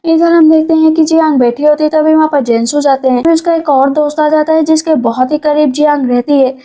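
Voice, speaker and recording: Woman, high voice, warm mellow tone, chatty recap narration, loose filler-laden storytelling. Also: fairly even intonation, fairly quick.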